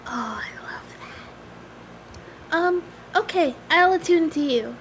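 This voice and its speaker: A woman talks casually as a player at a tabletop game. Her voice is clearly high, and there is a little background noise. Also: lively intonation, slow pace.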